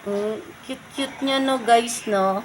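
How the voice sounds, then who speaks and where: A woman's voice: fairly high pitch, slow pace, a little hiss or hum, low-quality recording. A woman filming a casual vlog of her pets, calling and cooing to them by name. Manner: coos and calls to her pets. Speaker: pet vlogger.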